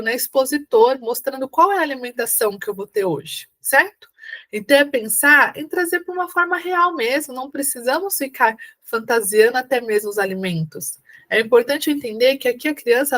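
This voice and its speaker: A woman from Brazil with a São Paulo accent gives an exam-prep lesson, her voice pitched a little high. She explains patiently and keeps checking that her students follow along. Now and then she acts out warm, coaxing phrases, as if speaking to a small child at the table. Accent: São Paulo Brazilian Portuguese. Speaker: teacher preparing candidates for an exam. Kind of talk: online lecture.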